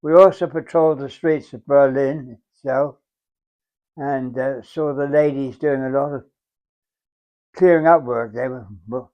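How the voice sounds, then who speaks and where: A very old man of about a hundred with an English accent, recalling his service as a veteran in a halting, reflective, unhurried way. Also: medium pitch, fairly even intonation. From England. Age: very old, around 100. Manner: very old man's halting, reflective delivery with repeated phrases. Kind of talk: unhurried oral-history reminiscence. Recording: dull, muffled lo-fi sound.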